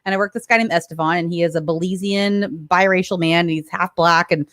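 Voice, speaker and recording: A woman's voice: on the low side, fairly even intonation, brisk, fairly bright tone, dry recording, clean studio sound. A woman co-hosting a podcast, a mother telling a candid story in casual chat. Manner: candid storyteller, laughing while she tells it.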